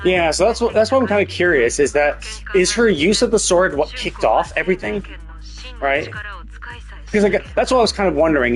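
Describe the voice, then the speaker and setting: This is casual, speculative commentary from a man on a game livestream, his voice fairly high. He muses out loud in a meandering way and keeps circling back over the same words, all captured in a low-quality recording.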